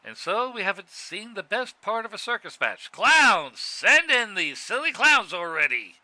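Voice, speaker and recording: An excitable co-commentator who cannot wait to see the clowns, as a man puts him on. The voice is high and very bright, and it leaps around in pitch. He keeps heckling in an impatient, eager way. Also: normal speed, heavily acted, low-quality recording.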